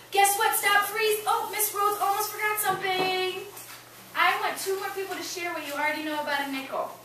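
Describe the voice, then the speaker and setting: Female kindergarten teacher, high voice, simple instructions and praise for small children; distant mic in a noisy room. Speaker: elementary school teacher. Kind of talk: classroom instruction to young children. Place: indoor classroom. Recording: echoey noisy classroom, distant mic with clicks. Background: classroom noise with children.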